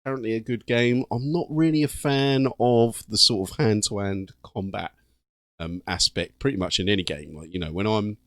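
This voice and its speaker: A man's voice: lowish voice, normal speed, fairly bright tone, no room sound, studio quality. A British man hosting a gaming channel, giving casual, slangy reaction commentary in an informal way. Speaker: YouTube gaming channel host.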